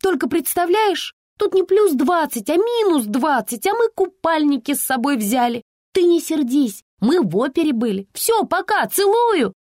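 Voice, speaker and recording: A woman's voice: high voice, sing-song, moderate pace, hardly any pauses, darkish tone, no room sound, studio quality, voice pushed up. A woman voicing a giddy young woman chattering breathlessly on a phone call home. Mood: chirpy. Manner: chirpy, breathless rattling.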